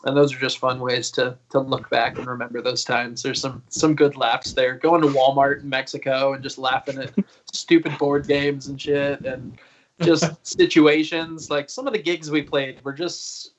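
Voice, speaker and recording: A man's voice: medium pitch, little pitch movement, normal speed, a little hiss or hum, low-quality recording. Laid-back swearing man in his thirties. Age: 30s. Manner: rambling and laid-back, swears freely, laughs often. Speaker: guest singer. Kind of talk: casual interview chat.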